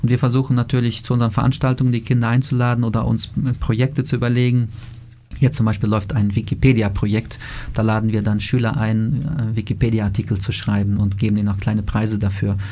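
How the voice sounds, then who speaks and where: In a radio interview, a man whose first language is Plautdietsch speaks as a member of a language association. His fairly low, dark, mellow voice stays almost monotone with little rise and fall. He explains patiently and methodically in a measured way, with small pauses and frequent fillers.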